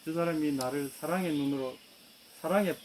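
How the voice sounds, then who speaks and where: A man's voice: a little high, brisk, a little hiss or hum, low-quality recording. A man with a Gyeongsang accent preaching a sermon, retelling a story and addressing the congregation directly. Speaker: pastor.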